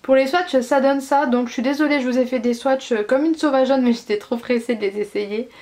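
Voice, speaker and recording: A woman's voice: high-pitched, fairly even intonation, a little fast, a little mellow. A young woman from France chatting enthusiastically through a beauty unboxing, listing each product with frequent fillers. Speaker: beauty vlogger. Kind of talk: casual unboxing chat.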